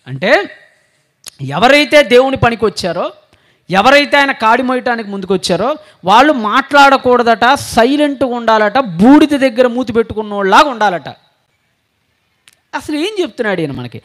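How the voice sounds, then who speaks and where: A man's voice: extremely high pitch, a bit bright. A male preacher with a sore throat delivering a sermon, firing rhetorical questions at the congregation and answering them himself.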